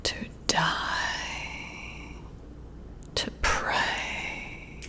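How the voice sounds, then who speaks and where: An ASMR creator plays a boss administering a personality test, whispering close to the listener's ear on an ear-to-ear microphone. She talks extremely slowly in an airy, breathy whisper, guiding with soft, calming, deliberate directions.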